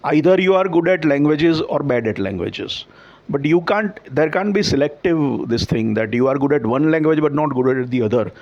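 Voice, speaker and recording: A man whose first language is Gujarati speaks Indian English with a Gujarati-influenced accent, talking reflectively and conversationally as he explains things with examples and small self-corrections. His voice is a little high and a little mellow, animated, and at a moderate pace. The audio is dull.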